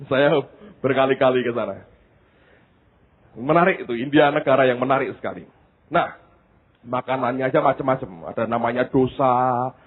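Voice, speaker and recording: Male pastor, lively storytelling sermon voice, husky, heard over a tinny phone-like line. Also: a little high. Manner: animated storytelling, addresses the congregation.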